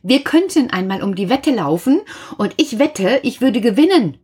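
A woman voicing a boastful but anxious little male hedgehog in a children's storybook reading, with a high, fretful voice. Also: sing-song, moderate pace, a little mellow, husky, full character voice.

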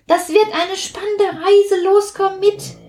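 A woman's voice: extremely high pitch, takes it slowly, pitched above the performer's own voice. A woman voicing an adventurous young male water drop who urges his friends along in a storybook. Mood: excited. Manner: excited, urging.

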